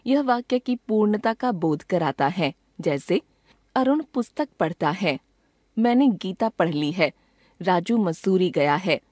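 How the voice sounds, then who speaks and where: A woman reading a grammar lesson as scripted textbook narration, measured and slow on each example sentence. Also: mid-range voice, a little mellow, dry recording, studio quality. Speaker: grammar teacher.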